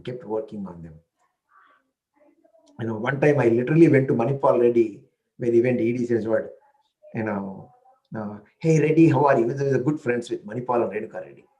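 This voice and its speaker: In a low-quality recording, a man with a warm, medium-pitched voice and an Indian accent tells stories casually. An Indian language is his native tongue, and he keeps checking in with "right?" and "you know."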